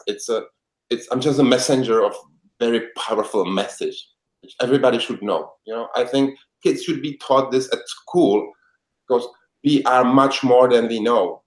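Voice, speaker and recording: Earnest Czech-accented man, roomy sound. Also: medium pitch. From Czech Republic. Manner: earnest, heartfelt, with non-native grammar. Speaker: guest, life coach. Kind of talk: interview answers. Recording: echoey room sound.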